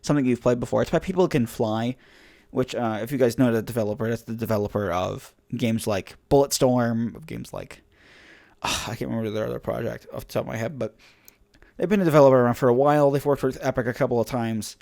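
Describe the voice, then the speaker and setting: Creaky and darkish, this young man's mid-range voice moves fast as he hosts a casual podcast. He's going hoarse, and his talk wanders, punctuated by laughs and frequent fillers.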